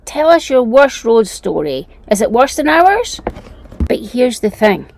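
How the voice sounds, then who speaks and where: A woman from the UK hosting a travel vlog, talking in a chatty, wry and animated way. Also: a little high, measured pace, creaky, slight background noise. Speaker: travel vlogger. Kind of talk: casual travel vlog chat.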